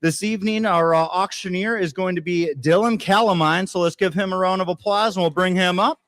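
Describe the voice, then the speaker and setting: Male competition host, high-pitched voice, formal welcome loosened by casual asides. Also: steady tone, brisk, a bit bright. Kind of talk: welcoming announcement to an audience.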